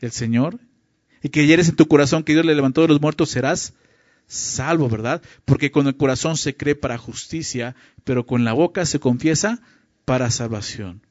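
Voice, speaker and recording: Male pastor, sermon teaching, somewhat high voice, dry dull lo-fi sound, keeps asking the listener questions. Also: normal speed, no room sound. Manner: asks the listener frequent rhetorical questions.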